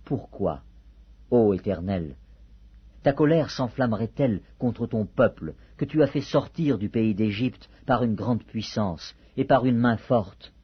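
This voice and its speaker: Man reading old prophet pleading, slow, low husky voice. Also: animated, exaggerated voice. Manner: solemn, earnest reading. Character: aged prophet pleading with God. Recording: dull lo-fi recording.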